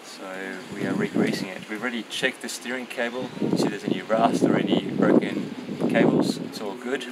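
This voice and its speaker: A man's voice: lowish voice, fairly even intonation, normal speed, heavy background noise. A man in his forties on a sailboat deck, explaining a maintenance job in a matter-of-fact way. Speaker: sailing vlogger. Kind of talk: casual vlog narration.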